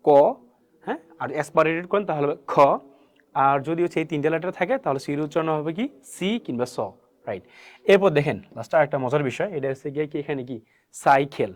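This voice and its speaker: A man's voice: a little high, quick pace. A man teaching English pronunciation as a lesson, asking questions and answering them himself and repeating key words. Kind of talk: spoken classroom lesson.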